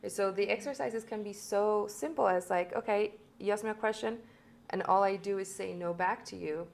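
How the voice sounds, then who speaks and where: A woman's voice: medium pitch, normal speed, gravelly, darkish tone. A woman who works as a somatic intimacy coach, explaining her work in an earnest way during a casual conversation.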